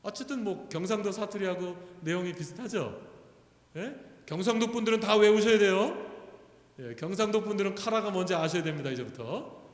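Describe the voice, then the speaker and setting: A man preaching a sermon as pastor, often asking the congregation questions and building to loud, fervent calls. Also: sits high, animated, normal speed. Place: church sanctuary. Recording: echoey church hall.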